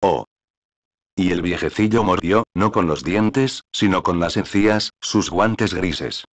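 A man narrating a classic novel in a measured, theatrical reading. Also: sits low. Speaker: audiobook narrator. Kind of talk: literary audiobook reading.

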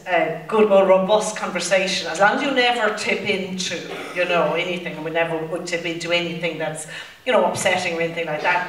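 A woman's voice: medium pitch, a bit bright, recorded from a distance. A woman on a conference panel adding a short, earnest, agreeable answer. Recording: roomy hall, voice from the mic.

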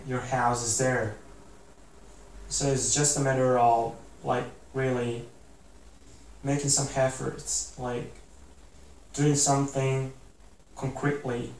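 A vlogger in his twenties from Italy sits in an armchair indoors, earnestly giving a casual motivational talk to camera in an Italian accent, rambling with many "like"s and restarts. His medium-pitched voice is picked up by a camera mic a few feet away, with roomy echo and faint hiss.

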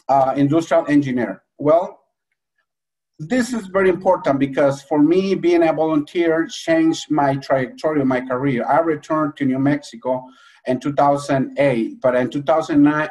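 Man with a honduran spanish accent, forties, earnest and halting, video call from a home room, sounds a bit far from the mic. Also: a little high, a little mellow. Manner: earnest, halting with restarts and fillers. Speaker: adult educator and speaker. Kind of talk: prepared personal talk at an online briefing. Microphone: video call webcam.

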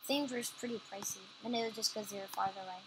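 A woman chatting casually while playing a computer game at home, quick to agree and often trailing off mid-sentence. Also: medium pitch, steady tone, a bit bright, slight background noise, poor audio. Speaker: gameplay channel co-host. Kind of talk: casual gameplay chat.

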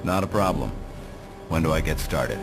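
An actor playing a terse, gruff American agent in a video game cutscene. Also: male voice, very deep voice, animated, moderate pace, heavily acted. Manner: terse, laconic. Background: music.

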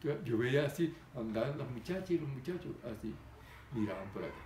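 An older man of medium pitch talks a little quickly while telling a casual story, bringing its people to life with animated voices and plenty of gestures. He's seated at a table inside a room decorated with framed pictures. The audio carries room echo and background noise.

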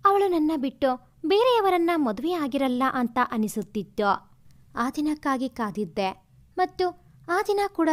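A woman storyteller giving an expressive, emotional scripted narration of a first-person love story. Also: sits high.

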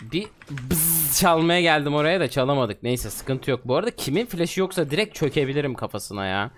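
A man in his twenties giving excitable, trash-talking commentary on his own gameplay. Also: on the high side, fairly quick, a little hiss or hum. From Turkey. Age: 20s. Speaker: gaming streamer.

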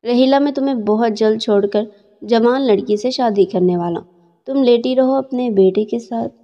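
A gruff, accusing middle-aged husband, stern and suspicious, as a woman narrator puts him on. The voice sits fairly high and soft-toned, and the muffled lo-fi recording carries a long reverb tail. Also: close to an everyday voice. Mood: coaxing.

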